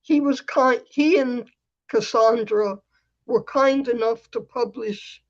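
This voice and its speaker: Slow-reading woman poet, lo-fi stream. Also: mid-range voice, darkish tone. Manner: slow, deliberate poem reading with laughter between. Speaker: poet and reading series host. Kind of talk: livestream poetry reading and chat. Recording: dull lo-fi livestream audio.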